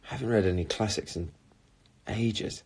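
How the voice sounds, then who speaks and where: On a red sofa in a small room, a young man from England livestreams casually with his phone at arm's length, reading viewer comments aloud and answering questions with animation. His voice sits low, darkish and husky, at a moderate pace.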